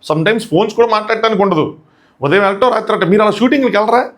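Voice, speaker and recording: A man hosting a casual comic review, mocking and excitable with slangy asides. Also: high voice, very fast. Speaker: show reviewer and host.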